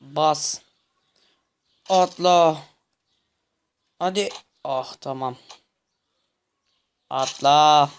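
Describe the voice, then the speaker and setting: Playing a game, a young man offers tense, muttered commentary to himself and frustrates easily. He has a smooth voice on the high side, talking very slowly with long pauses.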